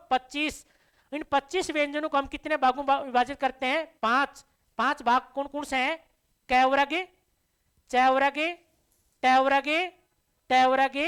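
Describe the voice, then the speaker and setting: A woman with a high, somewhat bright voice teaches grammar to a class, calling them her dear children. She drills the terms by posing questions to the class and then answering them herself.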